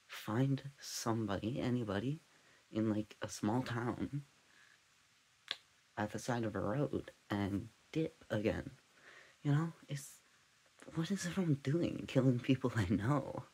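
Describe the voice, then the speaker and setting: A man with a husky, slightly rough voice hosts a parody true-crime podcast at a home desk mic. He rambles in a deadpan way, loses his thread and wanders off on tangents. His pitch sits in the middle range. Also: poor audio. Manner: rambling, scatterbrained, goes off on tangents. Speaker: comedic podcast host.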